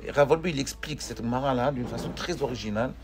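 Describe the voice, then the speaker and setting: A man teaching a Torah class, animated, asking his students questions and joking with them. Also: medium pitch, fast.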